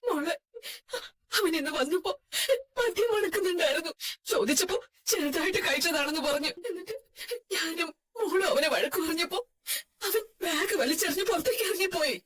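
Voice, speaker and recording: A woman's voice: high-pitched, moderate pace, a bit bright, far from the mic. A woman voicing a worried middle-aged mother who pleads tearfully, in a fan dub of a TV serial.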